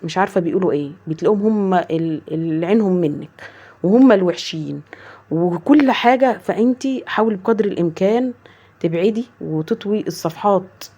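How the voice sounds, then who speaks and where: A woman in her thirties with an Egyptian Arabic accent speaks fairly quickly in a low, dark, husky voice, heard through a muffled recording. As a mother vlogger, she chats earnestly and from the heart with her viewers, often swearing oaths and retelling conversations.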